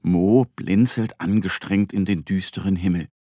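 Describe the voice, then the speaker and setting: A male storyteller reading a children's tale in a soft, expressive bedtime manner. His voice sits fairly low with a husky grain and moves a lot in pitch. The recording is close and dry. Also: normal speed, dry recording. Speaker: narrator.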